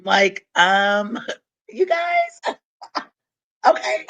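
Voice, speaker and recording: Excitable woman host, lively pitch. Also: very slow, gravelly. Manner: excitable, exclamatory reactions. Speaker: show host. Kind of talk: casual interview chat.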